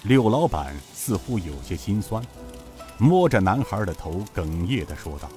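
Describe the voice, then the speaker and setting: A male storyteller narrates a serialized martial-arts novel in a lowish voice that moves with lively expression. His telling is measured and vivid, with soft music faintly in the background.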